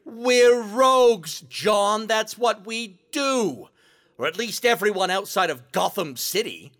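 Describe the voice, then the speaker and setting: Sardonic male rogue villain, bright forceful voice, slow theatrical drawl, audio drama. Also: sits high, heavily acted. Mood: scornful. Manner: dramatic, snide, drawn-out delivery. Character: theatrical, sarcastic, self-serving male rogue supervillain.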